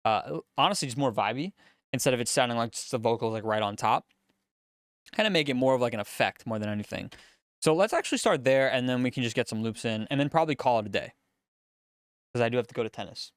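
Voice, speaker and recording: A man's voice: mid-range voice, quick pace, dry recording. A man, a music producer, casually talking through a studio session as he works in a music studio. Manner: relaxed, chatty, explains as he works.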